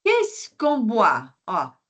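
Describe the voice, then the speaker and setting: Slow-drilling woman teaching French. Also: fairly high pitch, wildly swooping pitch, a bit bright. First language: Portuguese. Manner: repeats words slowly for pronunciation drills; switches between French and Portuguese explanations. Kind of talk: online language lesson.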